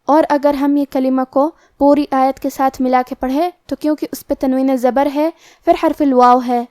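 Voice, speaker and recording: A woman's voice: high voice, mellow, dry recording, studio quality. A woman teaching the rules of Quran recitation, explaining each rule step by step. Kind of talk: tajweed lesson.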